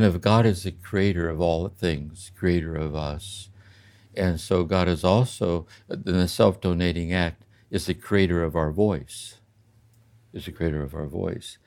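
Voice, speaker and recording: An older man in a slow, contemplative spiritual conversation, often checking in with "See?". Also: low voice, a little mellow. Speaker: podcast host and spiritual teacher.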